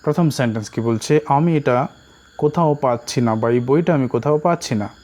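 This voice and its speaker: A man with a Bengali accent teaching spoken English, repeating each English phrase slowly and deliberately. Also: medium pitch, mellow.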